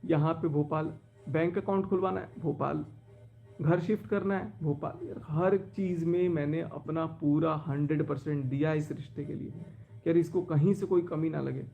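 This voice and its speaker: A man's voice: on the high side, steady tone, moderate pace, gravelly, phone-quality sound, faint music behind. A man talking in a live stream from his car, aggrieved and pleading as he recounts a betrayal. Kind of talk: emotional live-stream monologue.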